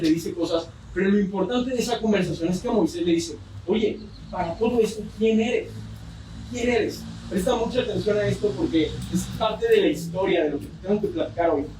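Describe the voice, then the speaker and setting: A man's voice: high-pitched, brisk, few pauses, dark tone, a little hiss or hum. A man with a Mexican accent preaching a sermon, telling a story with joking asides. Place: church. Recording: roomy church hall from far off.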